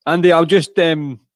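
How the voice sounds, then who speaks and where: A man's voice: a little high, no room sound. A man co-hosting a livestream, speaking in an earnest, easygoing way. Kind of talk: casual chat.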